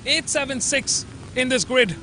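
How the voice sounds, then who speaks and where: A man's voice: extremely high pitch, animated, measured pace. A man with an Indian accent giving live motorsport commentary in an emphatic announcer delivery. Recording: loud engine and trackside noise.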